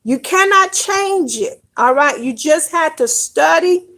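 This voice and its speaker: A woman's voice: sits high, animated, takes it slowly, bright, forceful tone. A woman teaching an online Hebrew lesson, explaining step by step and often checking in with "all right?".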